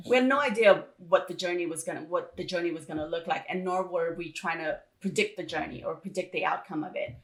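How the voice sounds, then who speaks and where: A woman's voice: lowish voice, rough recording. A woman talking earnestly and encouragingly in a casual motivational chat, often repeating her points.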